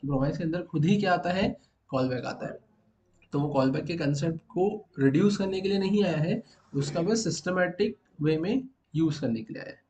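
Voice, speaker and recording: In this classroom coding lecture, a man with a higher-pitched, darkish voice explains things step by step to the students present, repeatedly asking if they're following along. The audio sounds dull.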